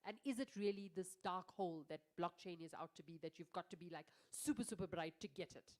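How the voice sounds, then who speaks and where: Woman, panel moderator, stuffy nasal voice, congested, lively questioning. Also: fairly low pitch, quick pace. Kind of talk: panel discussion.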